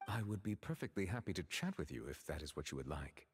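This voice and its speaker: A man's voice: deep voice, very animated, quick pace. A man voicing a dignified, reserved male chief justice in a video game, who speaks with formal courtesy. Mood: courteous, calm. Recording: game audio with faint hiss and long reverb.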